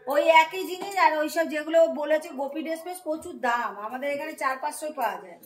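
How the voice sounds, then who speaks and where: A woman's voice: high voice, quick pace, fairly bright tone. A middle-aged woman, chatting casually and giving opinions at home with her family. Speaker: vlogger's mother.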